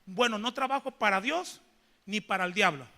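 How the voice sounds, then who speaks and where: A man's voice: high-pitched, moderate pace, bright, forceful tone, heavily acted. A man voicing a menacing old male sorcerer with a machete, who asks blunt, confrontational questions, in a reverberant church hall. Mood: defiant.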